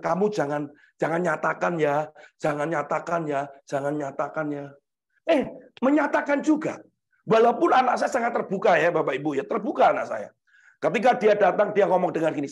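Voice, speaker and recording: High-voiced animated male pastor preaching. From Indonesia. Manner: animated, acts out quoted voices. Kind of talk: sermon.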